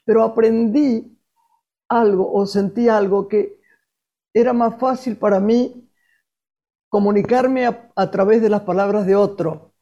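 An older woman with a Rioplatense accent and an unusually deep voice, a guest telling lively anecdotes about her childhood. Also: unhurried, pauses often, highs cut off. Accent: Rioplatense Spanish. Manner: lively anecdotes told with laughs. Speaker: guest, actress. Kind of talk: casual storytelling.

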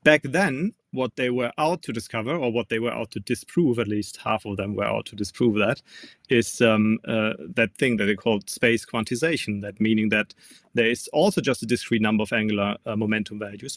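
A man's voice: lowish voice, fairly even intonation, a little fast, a bit bright, no room sound. A man with a German accent, a physics professor, explaining carefully as an interview guest with frequent ums.

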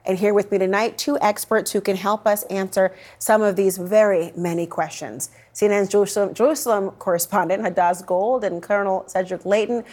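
A woman's voice: mid-range voice, fairly even intonation, a little fast, few pauses, a little mellow. A woman anchors the evening news and speaks straight to the viewer. She leans hard on key words to make her points. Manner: emphatic, direct to camera. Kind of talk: scripted news presenting.

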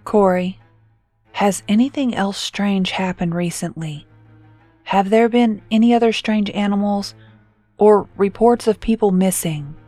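A woman reading a horror story, voicing a teenage best friend who speaks with steady, grave authority. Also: mid-range voice, measured pace, no echo, faint music behind, close to an everyday voice. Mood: serious. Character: serious teenage girl, calm best friend.

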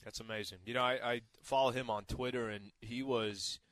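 A man's voice: medium pitch, fairly even intonation, moderate pace, fairly bright tone, no room sound. A man in his thirties co-hosting a casual sports talk show, easygoing and full of "like" and "you know". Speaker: sports radio co-host.

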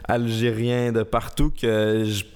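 Smooth-voiced young Quebec man. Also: lowish voice. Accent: Quebec French, Laurentides. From Laurentides, Quebec. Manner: relaxed, unhurried, with frequent hesitations. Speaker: podcast guest, YouTuber. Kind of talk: casual podcast chat.

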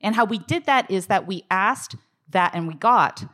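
A woman's voice: medium pitch, lively intonation, normal speed, fairly bright tone. A woman speaking as a writers' union representative, explaining contract points off the cuff in an emphatic, colloquial way, often checking in with the listener. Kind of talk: unscripted explanatory talk on contracts.

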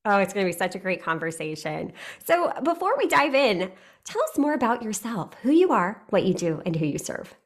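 A woman's voice: medium pitch, big pitch swings, a little fast, few pauses. A woman hosting a podcast, welcoming her guest and asking questions in a gushing, enthusiastic way. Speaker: podcast host. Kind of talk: casual podcast interview.

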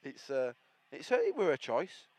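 A man from Bradford with a Bradford accent, co-hosting casual, jokey football banter in excitable, blunt northern slang. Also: fairly high pitch, moderate pace. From Bradford, England. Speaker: co-host of a football fan podcast. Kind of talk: casual banter and live match reaction.

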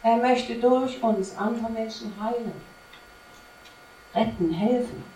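A woman's voice: fairly high pitch, fairly even intonation, slow, mellow, slight background noise. A woman preaching a sermon to her congregation, emphatic and full of rhetorical questions. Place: church service. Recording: echoey room from a distance, faint ambience.

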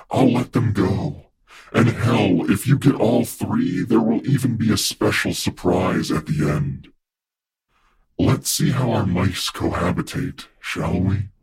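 An actor playing a spooky disembodied male captor voice who speaks in a slow, measured, ominous way. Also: low voice, vocal fry, a crowd in the background. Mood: menacing. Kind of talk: audio drama acting.

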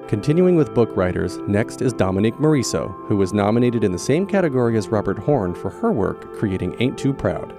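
Low-voiced male narrator over guitar music. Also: very animated, fairly quick, few pauses. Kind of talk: scripted narration. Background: plucked guitar music.

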